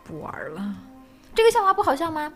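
A woman co-hosting a live chat stream, casual, giggly and animated. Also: sits high, a little fast, over music.

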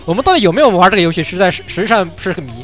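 A man with a notably high, animated voice rambling through a casual group podcast. He stumbles and repeats himself at a quick pace, with faint music behind. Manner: rambling, halting, full of repeated words. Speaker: podcast co-host.

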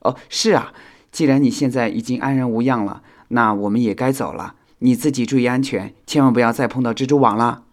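A man voicing a sensible, caring young male insect in a children's audio storybook, chiding in a kind, steady way. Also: mid-range voice, fairly quick, lightly acted.

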